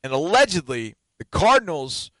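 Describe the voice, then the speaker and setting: A self-assured man talking sports in a rambling, casual way, his voice a bit higher than most men's. The recording is dry and close to the mic. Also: sing-song, normal speed, bright, forceful tone, no room sound, low-quality recording. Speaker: co-host and draft analyst.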